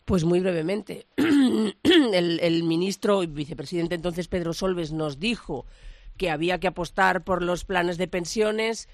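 A woman's voice: lowish voice, a little slow, no echo. A female journalist putting a brief question, hesitant and restarting as she goes. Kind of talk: interview question.

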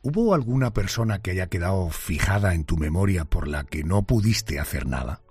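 A man hosting a broadcast interview and narrating in a measured presenter's way. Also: low voice, lively intonation, gravelly, darkish tone, husky, dry recording.

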